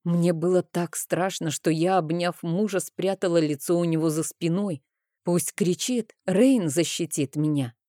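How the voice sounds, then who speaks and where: Mellow-voiced woman narrating a story. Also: on the low side, unhurried, dry recording, clean studio sound. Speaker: audiobook narrator. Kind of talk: first-person fantasy narration.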